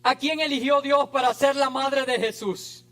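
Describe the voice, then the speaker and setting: A man's voice: very high-pitched, fairly even intonation, measured pace, fairly bright tone. A man preaching an impassioned, emphatic sermon as a pastor in a church.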